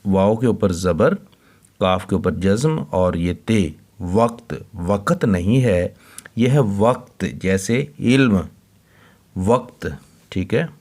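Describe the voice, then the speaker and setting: A man who teaches Urdu is helping children read, and his lowish voice is animated and a little mellow. Every word gets spelled letter by letter and spoken twice, all at a very slow, deliberate pace.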